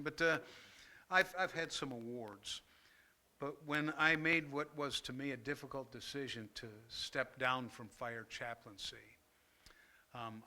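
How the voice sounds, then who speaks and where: Bright-voiced older pastor telling a story. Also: male voice, medium pitch. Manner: earnest storyteller, pausing often, emotional at times. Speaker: pastor and former fire chaplain. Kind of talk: storytelling workshop talk. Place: church meeting room.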